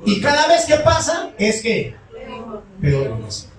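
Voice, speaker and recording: High-voiced man preaching in an echoey church. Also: huge pitch swings, a little slow. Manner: asks the congregation questions and answers them himself. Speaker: pastor. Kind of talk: call-and-response sermon. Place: church sanctuary. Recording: echoey church hall from far off.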